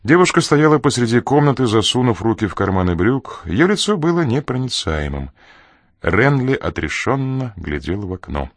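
A man narrating an audiobook in a steady, even reading voice. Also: mid-range voice, normal speed, dry recording, studio quality.

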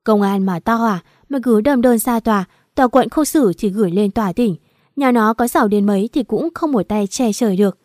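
A woman's voice: medium pitch, fairly quick, darkish tone, dry recording, clean studio sound, natural voice. A woman voicing a blunt, protective young female friend who scolds and urges in an audiobook. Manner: frank, scolding, urging. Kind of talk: audiobook character voice.

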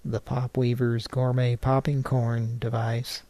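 A man's voice: medium pitch, level tone, warm tone. A man hosting a live comedy stream, firing off jokey, random questions. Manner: jokey, quick-fire questions. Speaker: host.

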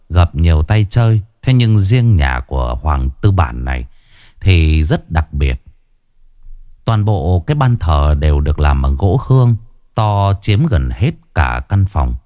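A man tells a ghost story in a lowish voice, slowing down to build suspense. His pitch moves expressively, and the sound is close and dry with no room around it. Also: no echo, muffled recording. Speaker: narrator.

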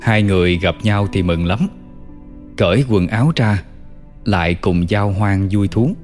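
A low-pitched man tells an old folk tale at a calm, measured pace. His voice carries a long reverb tail, and soft music plays behind it. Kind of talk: storytelling narration.

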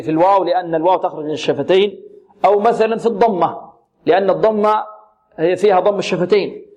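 A man teaching tajweed, who poses questions and answers them himself and repeats words slowly to demonstrate pronunciation. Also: sits high, a little mellow. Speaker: Quran recitation teacher. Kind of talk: tajweed lesson with recitation examples.

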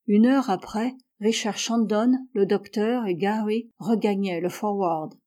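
A woman reading a classic adventure novel aloud, lifting her voice for the sailors' angry lines. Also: measured pace. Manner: voices sailors' quotes louder and higher. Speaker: audiobook reader. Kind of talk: read-aloud novel narration.

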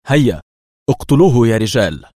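A man's voice: on the low side, sing-song, quick pace, a little mellow, breathy edge, dry recording, clean studio sound. Smug scheming ambassador voiced by a man. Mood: commanding. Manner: smug, mocking. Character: arrogant scheming male ambassador.

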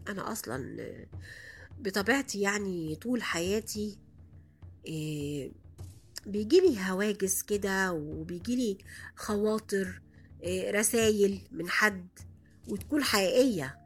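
A woman with an Egyptian Arabic accent narrating a first-person horror story in a dramatic, expressive way. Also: mid-range voice, measured pace, pauses often, husky, faint music behind.

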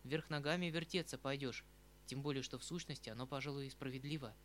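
A man's voice: mid-range voice, steady tone, fast, a bit bright, slight background noise, lightly acted. A man reading the part of a tender, fretful aging uncle, a retired colonel, who talks in an emotional, rambling, pleading way. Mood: resigned. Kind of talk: audiobook reading of a classic novel. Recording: faint background music.

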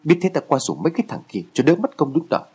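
A man voicing an excitable, nosy teenage boy who bickers urgently with his friend while reading a horror story aloud. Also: fairly high pitch, rapid-fire, breathy edge, pitched above the performer's own voice, exaggerated voice. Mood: eager.

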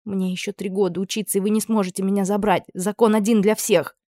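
A defiant teenage schoolgirl, as a reader plays her, her voice shaky with fear yet held proud and cold. She speaks at an ordinary pitch, close and dry like a storybook reading. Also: flat delivery, fast, dark tone, dry recording, lightly acted. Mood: frightened. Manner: trembling yet proud, raised voice. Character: frightened but defiant teenage girl student.

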